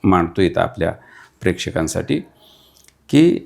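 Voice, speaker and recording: Middle-aged male poet, gravelly voice, rhythmic rousing delivery. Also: low voice, very animated, normal speed. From Maharashtra. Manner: declamatory, rhythmic recitation with repeated lines. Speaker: poet, guest. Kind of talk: poetry recitation and chat.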